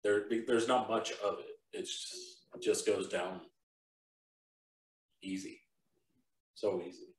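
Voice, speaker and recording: A low-voiced man hosts a relaxed tasting chat, rambling easily with plenty of ums and uhs. He sits back from the microphone, and the room gives his voice a roomy echo. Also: slow, long pauses, a little hiss or hum. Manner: laid-back, rambling with fillers. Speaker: podcast host. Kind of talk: casual chat. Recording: roomy, from a distance.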